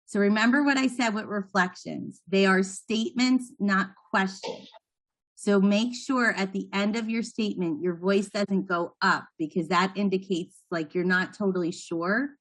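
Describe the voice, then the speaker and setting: A woman leading a training session, explaining patiently and encouraging the trainees. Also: medium pitch. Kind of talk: instructional talk to trainees.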